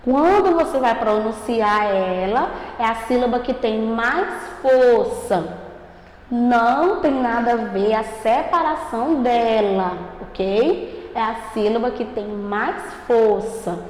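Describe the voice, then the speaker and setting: Slow, high-voiced teacher in an echoey room. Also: female voice, lively intonation. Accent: Brazilian Portuguese. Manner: slow, emphatic, stretches out syllables; asks questions and answers them for the class. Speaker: primary school teacher. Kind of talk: recorded remote grammar lesson for children. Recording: echoey room with long reverb.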